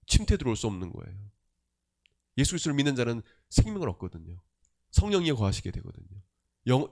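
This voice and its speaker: A man preaching a Sunday sermon in a fairly high, lively voice that climbs and falls. He presses his point with rhetorical questions, swinging from forceful emphasis to low, quiet asides. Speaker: pastor.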